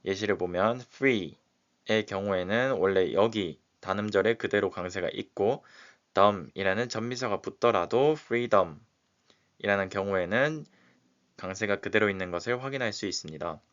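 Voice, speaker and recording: Lower-pitched man in a slow, methodical lecture. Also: a bit bright. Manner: slow and methodical, walking through examples step by step. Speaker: teacher. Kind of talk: explaining exam questions in a lecture. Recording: dull, lo-fi recording.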